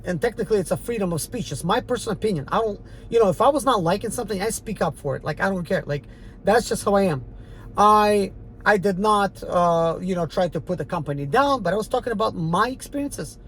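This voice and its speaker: He talks fast, with lively intonation in a mid-range voice, over slight background noise on a rough recording. This Eastern European-accented rideshare driver, a Ukrainian from the former Soviet Union, delivers a casual, defiant monologue to his channel. It's emphatic and rambling, with lots of fillers.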